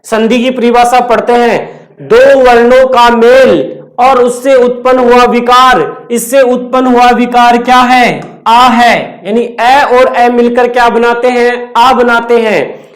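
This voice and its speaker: A man teaching Hindi grammar in a classroom-style lecture. He explains step by step, repeats his points and puts questions to the class before answering them. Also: very high-pitched. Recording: echoey room.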